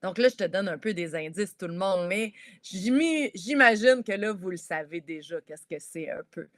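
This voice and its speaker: A woman's voice: lowish voice, normal speed, dry recording, clean studio sound. Encouraging Québécoise woman teaching kids. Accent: Québécois French. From Quebec. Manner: lively, encouraging, explains step by step while talking straight to kids. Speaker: children's author leading a workshop. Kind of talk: teaching schoolchildren over a video call. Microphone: video call.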